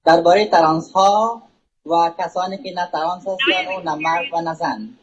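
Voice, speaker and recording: A man's voice: a little high, rapid-fire, husky, dull audio. A man from Afghanistan speaking at an outdoor protest rally. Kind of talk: speech at a rally.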